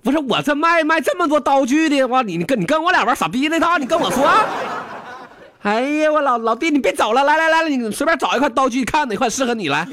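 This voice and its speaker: A man voicing an indignant middle-aged knife-shop owner with a Northeastern Mandarin accent, talking in a loud, huffy, mock-threatening way. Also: extremely high pitch, expressive, fast talker, a little hiss or hum, pitched above the performer's own voice.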